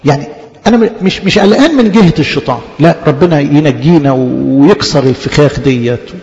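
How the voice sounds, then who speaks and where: High-voiced Egyptian priest preaching in a hall. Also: male voice, fairly quick, muffled recording. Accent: Egyptian Arabic. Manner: animated preaching, stretching key words and laughing softly. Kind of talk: sermon.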